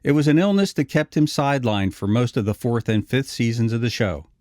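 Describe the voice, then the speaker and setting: A man's voice: medium pitch, brisk, a little mellow, no room sound, studio quality. A man narrating a scripted retrospective video essay.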